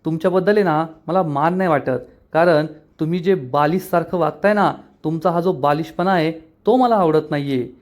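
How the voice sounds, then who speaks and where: A man voicing a defiant, sharp-tongued young woman as he retells a TV episode. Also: on the high side, normal speed, hardly any pauses, close to an everyday voice.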